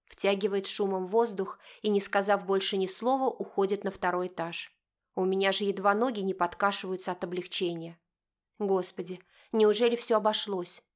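A woman narrating a first-person novel audiobook in a steady, even storytelling manner. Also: mid-range voice, moderate pace.

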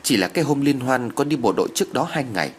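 A man's voice: mid-range voice, expressive, quick pace, a little hiss or hum, voice pushed up, close to an everyday voice. A man voicing an anxious young man who answers his parents hesitantly.

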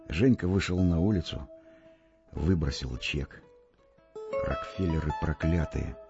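A man narrating a short story aloud in an expressive, wry storytelling manner. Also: sits low. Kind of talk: audiobook reading of a short story. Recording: dull lo-fi recording with faint music.

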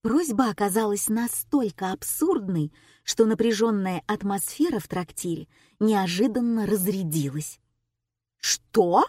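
A woman reading a comic novel aloud as narrator, expressive and wry. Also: medium pitch, moderate pace, no echo, studio quality. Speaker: audiobook reader. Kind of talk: scripted narration.

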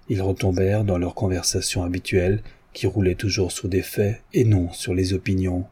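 A male audiobook narrator reading a classic novel in a measured, literary way. His voice is dark and husky, set fairly low. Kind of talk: scripted narration.

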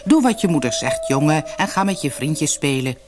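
A woman's voice: sits low, animated, moderate pace, music in the background. A woman reading the lines of a busy father who brushes off his son in a fairy tale. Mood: brusque. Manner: curt, dismissive. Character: busy, brusque father carving wood.

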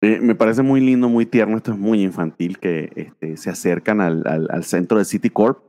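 A podcast co-host rambles with lots of fillers on a casual show about comic books. His voice is fairly low and mellow at normal speed, and he sounds like he's in a large hall.

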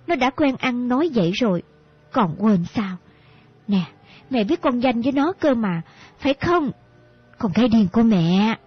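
A woman with a high voice reads a young woman's lines in an audiobook. She speaks in a coaxing, playful, pleading manner. The sound is a bit muffled, with faint music underneath. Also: animated, normal speed, long pauses, slightly rough, no room sound. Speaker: voice actress in an audiobook. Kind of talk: audiobook role reading.

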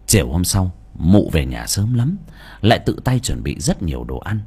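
A male storyteller reading an audiobook with a husky voice. His pitch moves in wide, lively swings, and he reads in an expressive, dramatic manner. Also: normal speed.

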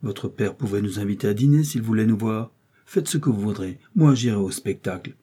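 A blunt, easygoing young gentleman, voiced by a male reader, answers in brusque, offhand retorts. The voice stays low, dark and a little husky. He belongs to a read-aloud classic novel. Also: fairly quick. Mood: dismissive.

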